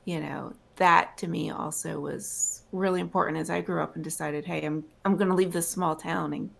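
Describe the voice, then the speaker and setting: A woman's voice: sits low, fairly even intonation, normal speed, creaky. A woman from North Carolina, a singer-songwriter guest, talking thoughtfully in a casual interview. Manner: thoughtful, reflective, laughs lightly.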